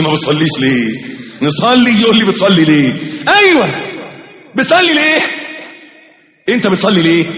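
A high-voiced man with an Egyptian accent preaches with wide, swooping intonation, firing questions at his listeners and answering them himself. The sound is dull and lo-fi, with a long reverb that suggests a large hall. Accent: Egyptian Arabic. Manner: animated preaching with rhetorical questions and acted-out dialogues. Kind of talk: sermon.

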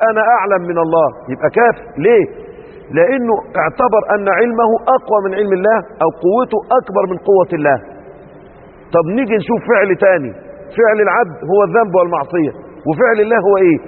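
A man's voice: sits high, slightly rough. A man with an Egyptian accent preaching a religious lesson, asking rhetorical questions and answering them himself with emphasis. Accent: Egyptian Arabic. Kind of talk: religious lesson broadcast on radio. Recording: tinny radio broadcast with long reverb.

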